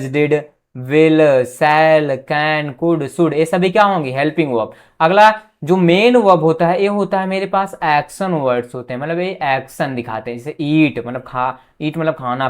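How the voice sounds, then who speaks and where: A male teacher giving an exam-prep grammar lesson. He asks the class a quick question and answers it himself, dropping softly on each answer word. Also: on the high side. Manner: quizzes students with quick questions, then answers them himself.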